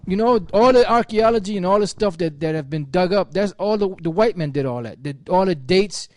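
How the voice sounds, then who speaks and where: A man reading a Bible passage aloud and scolding his critics, pausing often with fillers. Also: high-pitched, lively intonation. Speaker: speaker in a religious open forum. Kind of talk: reading scripture with commentary.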